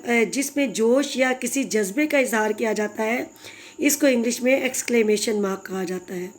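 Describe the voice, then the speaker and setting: A woman's voice: on the high side, normal speed. Patient woman teaching a grammar lesson. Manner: patient, explanatory, addresses pupils fondly. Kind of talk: recorded grammar lesson for children.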